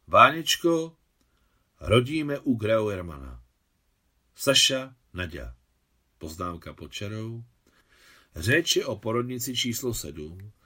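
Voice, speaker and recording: A man narrating a novel aloud as an audiobook, in a measured literary reading. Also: fairly low pitch, pushed and bright. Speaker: translator reading his translation.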